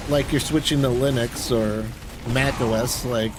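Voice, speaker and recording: A man streams a game, chatting casually in a loose, rambling way. His voice is medium in pitch, steady, and measured in pace. Video game sounds play clearly in the background.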